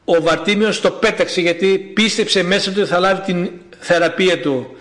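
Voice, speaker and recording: A man preaching a sermon, reading scripture aloud with fervent, measured pauses. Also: high-pitched, fairly bright tone.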